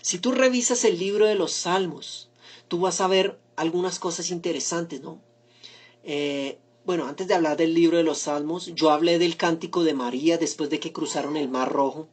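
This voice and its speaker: A male pastor with a mixed accent delivers a relaxed, conversational sermon. He poses rhetorical questions, restarts his sentences and tags them with a questioning "¿no?", warmly addressing his congregation as brothers. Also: a little high, moderate pace, slightly rough.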